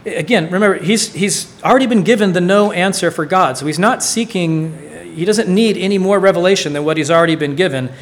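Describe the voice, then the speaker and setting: A man preaching a sermon, retelling a Bible story with quick, playful voiced asides for its characters. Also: high-pitched.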